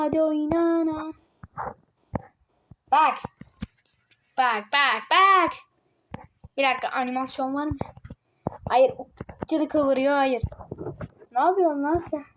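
A high-pitched woman chatting her way through a game in relaxed, drawn-out phrases. She teases and trash-talks other players, muttering to herself and then yelping when something happens. A faint hiss sits under her voice. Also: highs cut off. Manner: excitable, yelps and mutters to self while playing. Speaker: gaming video creator. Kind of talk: casual gameplay commentary.

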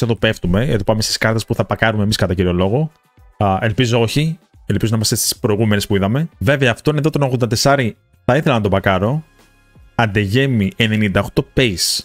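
Young man from Greece, low voice, gaming pack-opening commentator, dry close mic, faint game music behind. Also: dry recording. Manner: rattles through card stats, excited bursts at big pulls. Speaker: gaming YouTuber.

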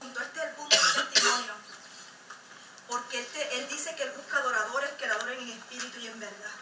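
A woman's voice: a little high, steady tone, brisk, very noisy. A woman giving an impassioned testimony sermon at a church service, exhorting the congregation. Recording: echoey room, mic far off.

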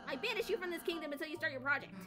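A woman voicing a polite, earnest young goat prince in a video game, courteous and gently scolding. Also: high voice, lively intonation, rapid-fire, over music, voice pushed up.

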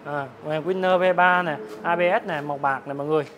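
A man, a motorbike dealer, giving a hard-sell promotional sales pitch to viewers, repeatedly rattling off prices. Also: steady tone, a little fast, a bit bright, dull audio, slight background noise. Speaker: motorbike dealer presenting his stock. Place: large open-sided metal-roofed motorbike warehouse.

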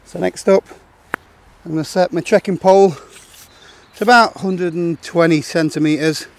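A man's voice: high-pitched, steady tone, measured pace, vocal fry. Man explaining a camping setup outdoors. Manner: plain, matter-of-fact instructional talk. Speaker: outdoor gear vlogger. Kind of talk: step-by-step camping demonstration. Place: open grassy meadow outdoors.

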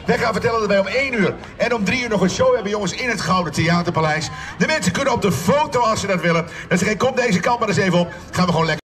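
A man's voice: high voice, fast, noisy background. A man working as a children's entertainer, encouraging a live dance show with short repeated phrases, outdoors in a theme park. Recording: distant PA with very loud music. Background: loud music.

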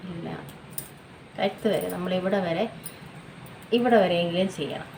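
A woman's voice: on the low side, measured pace, a little mellow, slight background noise, poor audio. A woman beauty vlogger chatting casually at home through a skincare tutorial, repeating herself and constantly checking in with viewers. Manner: chatty, repetitive, often adds tag questions to viewers.

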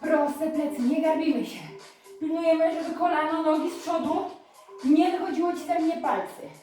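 A female fitness instructor coaching a live workout, counting reps and giving brisk, encouraging cues while she exercises, sometimes short of breath. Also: high voice, dark tone. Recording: echoey room, voice from a distance, music behind.

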